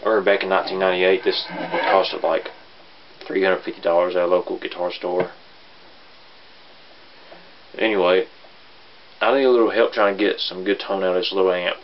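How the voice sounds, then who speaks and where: A man with an Appalachian hillbilly accent giving a casual, rambling gear demo in a halting, self-deprecating way. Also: level tone, slight background noise. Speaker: amateur gear reviewer. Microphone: camera on a tripod. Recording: dull lo-fi camera audio. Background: bass guitar and amp sounds.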